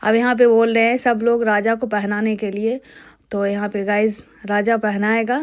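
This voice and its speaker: Chatty woman vlogger, fairly high. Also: level tone, moderate pace. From Bihar, India. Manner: chatty, explains customs step by step, addresses viewers as guys. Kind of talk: casual vlog voice-over.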